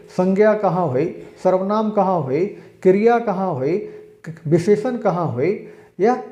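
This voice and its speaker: A man giving a recorded exam-prep language lecture, explaining slowly and acting out spoken examples. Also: high-pitched, mellow, echoey room. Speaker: language teacher.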